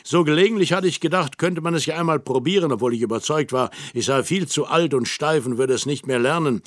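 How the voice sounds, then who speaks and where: A man calmly narrating a literary audiobook in a measured, storytelling manner. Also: a little high, dry recording, studio quality.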